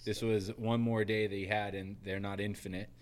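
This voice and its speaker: A man with a fairly low voice hosting a casual podcast. He is relaxed and chatty, leading questions and telling stories at an easy pace. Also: moderate pace. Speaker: podcast host. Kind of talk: casual faith podcast chat.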